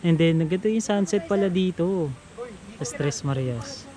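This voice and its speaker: A man's voice: high-pitched, normal speed, very noisy. A man talking casually as a travel vlogger on a mountain trail, joking at his own expense and laughing often, out of breath from the climb. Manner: chatty, laughs often, jokes at himself. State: out of breath while hiking. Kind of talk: casual travel vlog narration.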